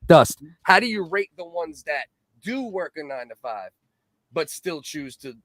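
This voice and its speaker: A man hosting a casual podcast, loud and profane, repeating himself for emphasis. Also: fairly high pitch, sing-song, normal speed, no echo. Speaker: podcast host.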